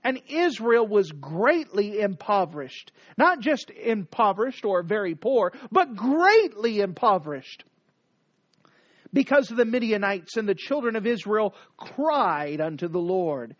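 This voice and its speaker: A preacher delivering a sermon, the pitch leaping and falling with every point. The cadence is emphatic and repetitive, lurching between loud declarations and hushed lines. The sound is dry and dull, like a lo-fi recording. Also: very animated, a little slow, dry recording. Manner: dramatic swings from loud to hushed.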